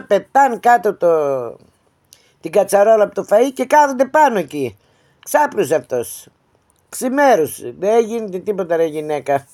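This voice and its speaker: A woman's voice: mid-range voice, darkish tone. A woman with a narrating a folk tale in a plain, homely way, with restarts and frequent "she says". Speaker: storyteller.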